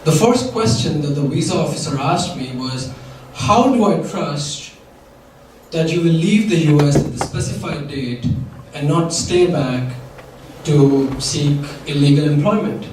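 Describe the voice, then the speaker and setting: A young man from India, his voice slightly high and darkish, tells a wry, funny personal story on stage at a measured pace. His dry punchlines draw laughter from a live audience, and the far-off mic picks up the echo of the hall along with slight background noise.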